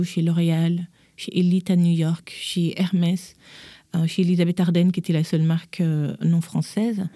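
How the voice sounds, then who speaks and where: A young Gabonese woman, appearing as a podcast guest, shares her life story openly and with energy, imitating the people she quotes. She has a lowish voice, captured in a dry, studio-quality recording.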